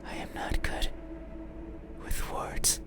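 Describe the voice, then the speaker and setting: A performer voicing a lonely, eerie demon that yearns to be seen, in a halting, earnest whispered role-play. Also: lightly acted. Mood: brooding, longing. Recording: whisper over loud music.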